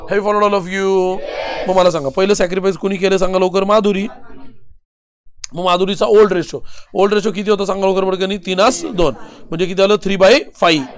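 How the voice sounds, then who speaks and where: A man with a Marathi accent teaching commerce, firing quick questions and answering them himself in call-and-response style. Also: high voice, steady tone. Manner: rapid questions, repeatedly urging students to answer quickly. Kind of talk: classroom lecture with call-and-response drilling.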